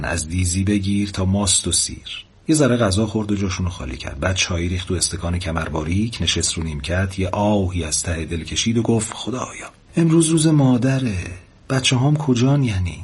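A male host tells a story at a gentle, expressive pace. His voice is low and husky. He narrates with care. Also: few pauses.

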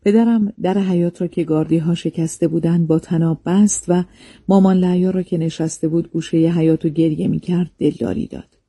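A man reading a memoir aloud as a calm, measured storybook narration, recorded close to the mic. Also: a little high, husky, no echo.

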